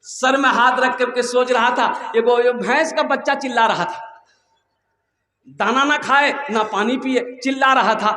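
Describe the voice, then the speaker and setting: Man from Kolkata, humorous preacher, very high pitch, roomy echoey hall. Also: steady tone, a little slow, pushed and bright. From Kolkata, India. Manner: storytelling, urging the crowd to answer. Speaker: Islamic preacher. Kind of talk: humorous religious sermon. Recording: echoey hall with long reverb.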